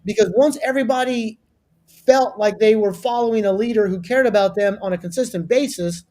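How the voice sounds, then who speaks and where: A man's voice: sits high, fairly quick, darkish tone. A male guest on a business talk show who gives advice with energy and emphasis, often restarting his sentences.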